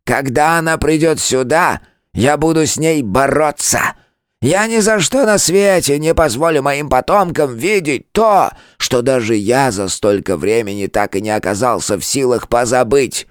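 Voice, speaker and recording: An ancient turtle elder, grim and stubborn, rises to a high, strained pitch well above the reader's own low voice, as a male narrator puts him on. He stretches his words out and leans hard into them. The recording is close and dry. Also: animated, no echo, natural voice. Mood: impassioned. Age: older. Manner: impassioned, loud, drawn-out.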